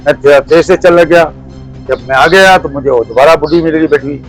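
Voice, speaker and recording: Brief: middle-aged guy, slightly high voice, halting repetitive storyteller, faint music underneath. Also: low-quality recording. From Pakistan. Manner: halting, repetitive, restarts phrases. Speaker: interview guest. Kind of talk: telling a personal ghost story.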